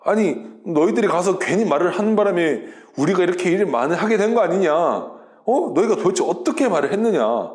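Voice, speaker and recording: A man's voice: high-pitched, sing-song, a little fast, darkish tone. A man voicing overworked laborers who grumble and accuse. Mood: grumbling. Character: grumbling crowd of overworked men. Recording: roomy echo.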